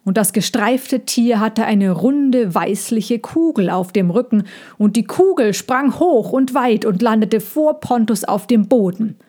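Woman narrator, storybook reading, slow and hushed, mellow tone. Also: fairly high pitch, expressive.

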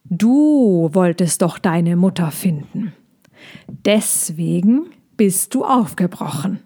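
A woman's voice: fairly low pitch, lively intonation, slow pace, warm tone, full character voice. A woman voicing an anxious, fussy male hedgehog in a storybook reading, talking in a fretful, scolding way. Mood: pleading.

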